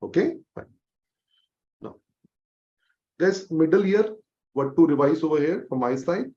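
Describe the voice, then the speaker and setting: A man's voice: fairly high pitch, animated, measured pace, mellow, lo-fi sound. A man with an Indian accent teaching a medical revision class, emphatically repeating key facts. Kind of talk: exam revision lecture.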